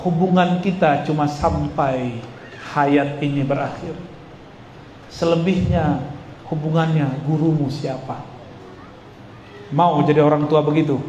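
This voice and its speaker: A man's voice: on the high side, a little mellow, a little hiss or hum. A male Islamic preacher giving a religious lecture in a conversational way, asking his audience questions and joking with them. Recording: echoey hall with long reverb.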